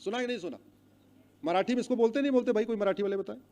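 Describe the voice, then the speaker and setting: A middle-aged man giving a rousing public speech, loudly chanting long lists and asking the audience to repeat after him. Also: high-pitched, very fast. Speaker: public speaker. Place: hall with an audience.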